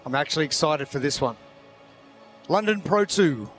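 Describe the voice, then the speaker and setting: Male sports commentator, high voice, live broadcast presenting, faint music behind. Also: animated, normal speed, a bit bright.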